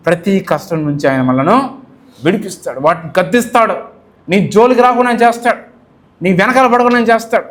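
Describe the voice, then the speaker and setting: A man pastor with a Telugu accent, preaching a sermon with passion and acting out people's questions to God. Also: high voice.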